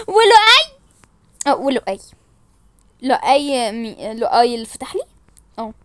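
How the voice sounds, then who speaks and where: A woman's voice: high voice, no room sound. A woman with an Egyptian Arabic accent, chatting casually to her viewers while setting up a prank. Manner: chatty, addresses viewers as a group. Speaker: prank vlogger.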